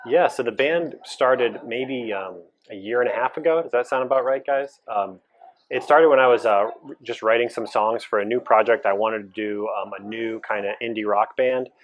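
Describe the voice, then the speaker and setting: A man from Massachusetts, the band's founder and guitarist, answering interview questions in a relaxed, rambling way with many fillers. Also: mid-range voice, moderate pace, muffled recording, slight background noise. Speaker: band founder, guitarist and singer.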